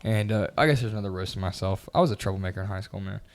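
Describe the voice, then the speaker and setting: A young man on a casual podcast, telling a story in a lively way and acting out the voices of the people in it. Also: fairly low pitch, rapid-fire. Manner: animated storyteller, acts out voices and hums loudly. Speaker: podcast co-host. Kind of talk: casual chat.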